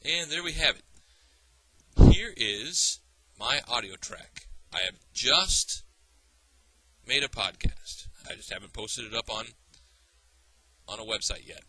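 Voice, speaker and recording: A man teaching a software tutorial, explaining patiently step by step with small fillers and restarts. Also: fairly low pitch, sing-song, takes it slowly, a little hiss or hum, poor audio. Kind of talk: screencast tutorial.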